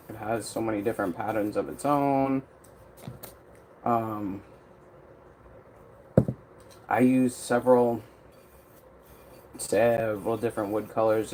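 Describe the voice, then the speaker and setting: A man in his workshop talks through his craft on a live stream. He speaks at an unhurried, drawn-out pace and rambles with plenty of ums and uhs. Faint outdoor noise sits under his voice. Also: on the low side, a little mellow, rough recording. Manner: rambling, unhurried, many fillers. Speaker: custom tumbler maker.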